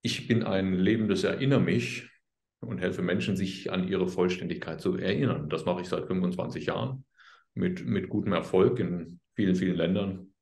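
Deep gravelly man, calm and earnest. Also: normal speed, echoey room. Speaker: guest, healer. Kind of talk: conversational interview.

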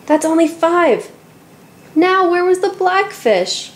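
Lady putting on a squeaky little storybook girl, all worked up and exclaiming, way up high. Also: slow pace, heavily acted. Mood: puzzled. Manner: excitable, stamping and exclaiming. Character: spirited seven-year-old girl. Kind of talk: storybook reading.

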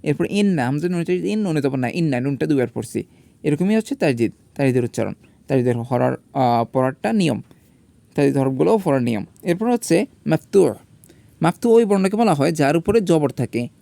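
Guy teaching grammar, spells out letters slow, asks himself questions, warm voice. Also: on the high side, animated, vocal fry, no echo. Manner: explains step by step, asks and answers his own questions; spells out letters and vowel marks slowly. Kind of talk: grammar lesson.

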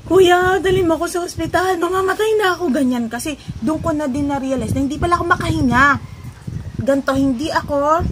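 A woman vlogger telling a personal story in a casual, animated way, often laughing and joking along the way. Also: a little high. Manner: animated, laughs at her own story, jokes. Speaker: vlogger recounting a personal ordeal. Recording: noisy ambience behind voice.

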